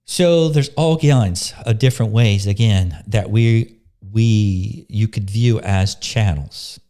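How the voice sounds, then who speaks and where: A man leading a guided meditation, talking slowly and softly in an unhurried, calm way, pausing and restarting phrases. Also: on the low side. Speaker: spiritual teacher leading a meditation. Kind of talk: slow, soft-spoken guided meditation talk.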